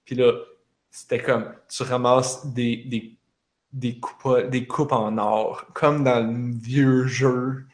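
A man with a Quebec French accent talks casually, stringing his story together with lots of fillers. His voice sits at a middling pitch. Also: little pitch movement, slow pace. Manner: rambling storytelling with frequent fillers. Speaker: gamer recounting a video game. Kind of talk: casual chat.

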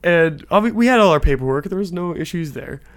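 A man's voice: on the high side, expressive, fast. A man from Canada co-hosting a casual podcast, telling stories in a rambling way and laughing often. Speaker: podcast co-host. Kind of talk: casual chat.

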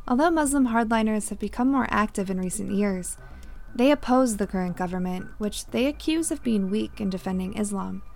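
A woman's voice: medium pitch, a little mellow. A woman podcast host reading scripted news narration. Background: faint music.

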